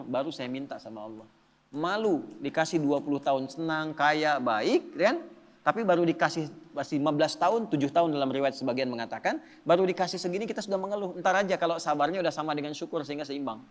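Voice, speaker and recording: A man preaching a sermon in a lively manner, asking his audience questions and answering them himself. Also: a little high, long reverb tail. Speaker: Islamic preacher.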